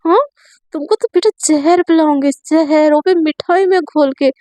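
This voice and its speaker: A sharp-tongued young woman lawyer who mutters curses under her breath, as a woman storyteller puts her on. Her voice sits high yet dark and mellow, recorded close and dry, like a spoken storybook. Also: steady tone, moderate pace, no echo, natural voice. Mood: exasperated.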